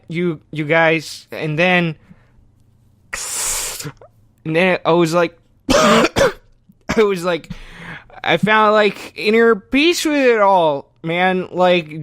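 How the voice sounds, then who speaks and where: A man's voice: high-pitched, a bit bright, clean tone, dry recording, clean studio sound, voice pushed up, exaggerated voice. A man putting on the voice of a laid-back, spaced-out stoner farmer who drawls in surfer slang.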